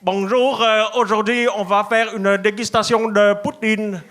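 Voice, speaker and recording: A man voicing a cheerful male food reviewer with a put-on foreign accent, in a slow, exaggerated stand-up bit. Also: high-pitched, flat delivery, noisy background, pitched above the performer's own voice. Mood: chirpy.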